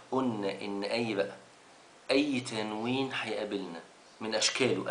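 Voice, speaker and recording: A man with an Egyptian Arabic accent teaching Quran recitation rules. He asks questions, answers them himself, and recites verses slowly. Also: on the low side, a bit bright, a little hiss or hum. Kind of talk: recitation lesson.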